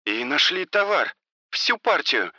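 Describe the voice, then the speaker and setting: A man's voice: fairly high pitch, very animated, a little slow, sharp tone, no echo, voice pushed up, exaggerated voice. A man voicing a frightened woman caught up in drug dealing, talking in a scared, pleading way.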